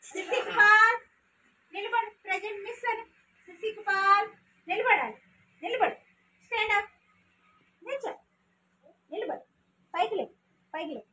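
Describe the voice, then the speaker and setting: A woman's voice: extremely high pitch, a little slow, pauses often, bright, forceful tone, slight background noise. A woman preschool teacher talking to small children in a classroom. She keeps asking questions, repeats the answers back, and gives simple, firm commands.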